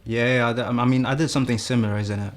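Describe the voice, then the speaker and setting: A young man in his twenties from Sweden, a guest talking in a halting, easygoing way with many restarts. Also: mid-range voice, steady tone. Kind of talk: casual chat.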